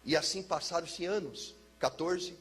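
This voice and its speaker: A middle-aged man from São Paulo, a pastor telling his personal testimony as a dramatic storyteller who drops low and soft for heavy moments. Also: measured pace, breathy edge. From São Paulo, Brazil.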